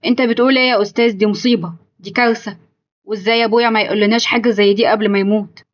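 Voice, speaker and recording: A woman's voice: medium pitch, fairly even intonation, racing, highs cut off, close to an everyday voice. A woman voicing a stressed, complaining grown son with an Egyptian accent, in a told story. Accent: Egyptian Arabic. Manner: complaining, agitated.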